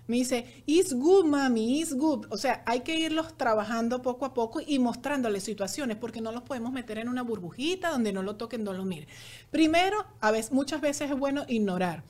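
An earnest woman speaking as a guest in a relaxed conversation. Her voice sits a little high, and she often acts out other people's words as she explains. She sounds animated throughout. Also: brisk. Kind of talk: casual conversation.

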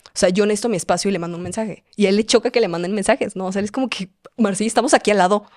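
A woman's voice: medium pitch, rapid-fire, darkish tone, no echo, clean studio sound. A woman in her twenties with a Mexican Spanish accent, chatting as a podcast guest and telling stories full of fillers. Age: 20s. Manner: chatty, filler-heavy storytelling, often acting out quoted voices. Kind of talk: casual conversational interview.

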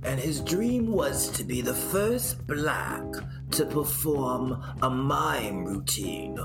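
In a comedic audio drama, an actor voices a rambling, deadpan male storyteller who recounts absurd family history with deliberate dramatic pauses. His medium-pitched, creaky voice carries a wry storytelling mood over loud music.

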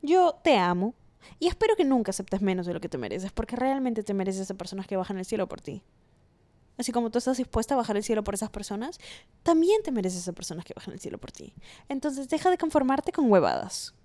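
A young woman talks into a close microphone in a dry, deadened space. Her voice sits high and swings widely in pitch as she gives blunt, affectionate advice. She sounds sassy and playfully dramatic. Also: a little mellow, no room sound. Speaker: podcast host. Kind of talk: casual advice monologue.

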